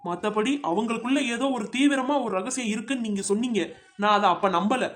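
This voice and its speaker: A man's voice: extremely high pitch, brisk, fairly bright tone. A man voicing a chatty, gossipy young village housewife in a cartoon comedy. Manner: chatty storytelling, teasing friends with nicknames.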